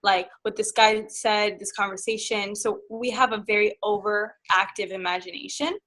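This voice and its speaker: A woman's voice: medium pitch, normal speed. A woman sex coach speaking frankly and openly in a conversational interview, often laughing as she tells personal stories. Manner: frank and animated, laughs while telling stories.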